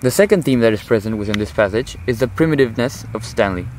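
A teenage boy delivers a prepared oral commentary for class, formal and analytical in tone. His voice sits in an ordinary middle pitch. A faint hum of traffic runs underneath. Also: expressive, fast, darkish tone, rough recording. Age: teens. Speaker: high school student.

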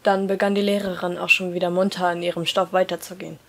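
A woman reading a novel aloud in first person, in a steady, even storytelling manner. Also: fairly low pitch, quick pace. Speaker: story reader.

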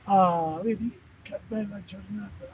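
A man's voice: sits high, fairly even intonation, a little slow, a little hiss or hum, poor audio. An actor with an Italian accent playing a lonely treasure hunter on a beach, talking fondly to his metal detector as if it were a companion. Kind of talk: film acting. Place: beach outdoors.

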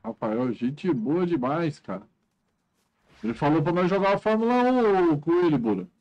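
A man's voice: a little high, normal speed, lo-fi sound. A middle-aged Brazilian man streaming a game with a headset, joking and teasing his friends in casual chat. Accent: Brazilian Portuguese. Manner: jokey, teasing, animated banter.

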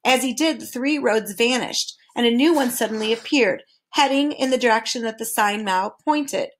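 A woman reading a children's novel aloud as narrator. Her storytelling is clear and steady, and her voice sits fairly high. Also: moderate pace.

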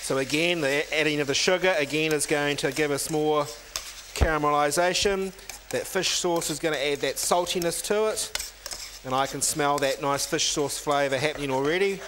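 A middle-aged chef in a teaching kitchen explains each step of a recipe as he cooks for a cooking show, wearing a lapel mic. His voice is a little high at a moderate pace, with a noisy background.

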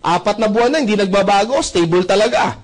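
A man voicing a pushy mentor with a high, lifted voice, firing off needling rhetorical questions about a paycheck. He talks to the worker like a coach testing him. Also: fast, a faint crowd.

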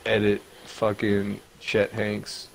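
A man's voice: lowish voice, monotone, slow pace, vocal fry, a little hiss or hum, low-quality recording. A man in casual gaming chat, cracking crude, teasing jokes at his friends. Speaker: gamer.

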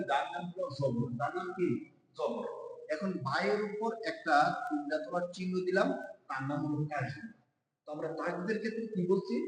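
Brief: male teacher, fairly high voice, drills syllables slowly, asks the class questions, very roomy long-reverb recording. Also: a little hiss or hum. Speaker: Quran reading teacher. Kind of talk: step-by-step classroom lesson. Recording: very echoey room with long reverb.

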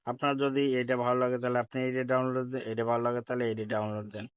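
A man's voice: mid-range voice, level tone, very fast, clear, resonant tone, no room sound, studio quality. A man with a Bangladeshi Bengali accent giving a step-by-step app tutorial, repeating each instruction and politely addressing viewers. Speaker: tech tutorial host. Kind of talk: screen-recorded app tutorial.

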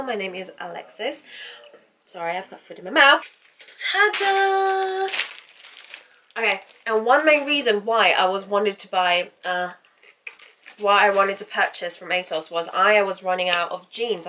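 A young woman talks through a fashion try-on haul with a bright, forward voice. She is chatty and excitable and speaks right to her viewers. Her pitch sits in an ordinary middle range. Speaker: fashion vlogger.

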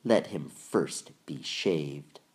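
A man's voice: a bass voice, drawn-out words, a little mellow, full character voice. A man voicing a cruel, imperious witch queen who barks fierce commands in an audiobook reading. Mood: cold command.

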